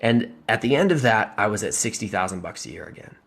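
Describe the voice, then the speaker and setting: A man in his twenties vlogs earnestly about personal finance over slides, his fairly low voice animated, fast, a bit bright and touched with vocal fry. He talks conversationally, restarting and correcting himself, with rising, emphatic bursts of conviction.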